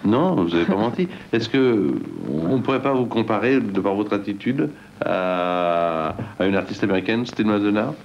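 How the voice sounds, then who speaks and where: A man's voice: on the low side, moderate pace, few pauses, darkish tone. A middle-aged man hosting a casual talk-show interview at a studio table microphone, asking probing, teasing questions. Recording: dull, noisy old TV tape.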